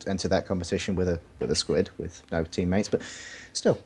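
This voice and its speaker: A man's voice: sits low, fairly even intonation, darkish tone, slightly rough. A man co-hosting a game stream, with dry, teasing banter. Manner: dry, teasing, quick talker. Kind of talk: casual chat on a game stream.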